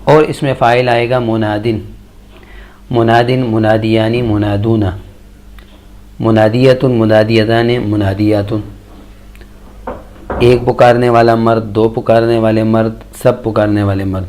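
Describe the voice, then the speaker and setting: Male grammar teacher, low and monotone, steady list-chanting delivery. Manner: chants verb conjugation tables in steady measured lists. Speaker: Quran and Arabic grammar teacher. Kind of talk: slow recited grammar lesson.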